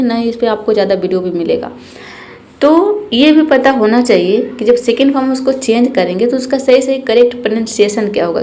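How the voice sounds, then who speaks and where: Patient woman teacher spelling words slowly. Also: a little high, warm tone, a little hiss or hum. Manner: explains patiently, asks and answers her own questions; spells words letter by letter, repeats them slowly. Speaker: English teacher. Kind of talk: spoken lesson on English pronunciation.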